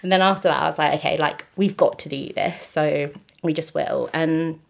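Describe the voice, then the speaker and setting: Chatty young woman from near London, lowish voice. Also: moderate pace, gravelly. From just outside London, England. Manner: chatty, laughs often, many fillers. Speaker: interview guest. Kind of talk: casual testimony chat.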